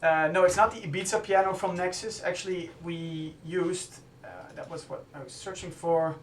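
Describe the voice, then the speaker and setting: A man hosting a live stream from a music studio, explaining his production steps casually as he works and often pausing to restart his sentences. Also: high-pitched, fairly even intonation, a little hiss or hum. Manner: thinks aloud while working, halting with restarts. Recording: roomy studio sound from a distance.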